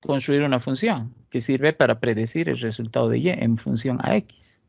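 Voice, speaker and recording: Speaking Cochabamba-accented Bolivian Spanish, a male teacher records a statistics lecture, breaking ideas into steps, asking rhetorical questions and checking in with "¿listo?" again and again. His mid-range voice is gravelly yet a little mellow, at a normal speed. The recording is dry and the audio dull.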